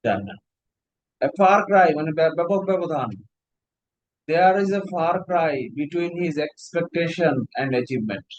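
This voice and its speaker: A man's voice: fairly high pitch, expressive, very slow, dry recording, lo-fi sound. A Bangladeshi man teaching an online exam-prep class, explaining step by step and quizzing his students with questions.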